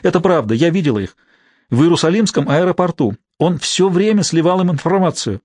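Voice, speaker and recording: A man voicing a beaten female journalist, hoarse and short of breath. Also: fairly high pitch, lively intonation, brisk, darkish tone, no room sound, studio quality, pitched above the performer's own voice. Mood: urgent pleading.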